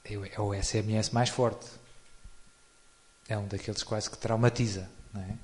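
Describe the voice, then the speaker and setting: This religious speaker's voice is fairly low, level and darkish, moving at a moderate pace with a little hiss or hum in the background. Giving an informal spiritual talk with a European Portuguese accent, he talks conversationally, regularly adds tag questions, and chuckles often as he explains.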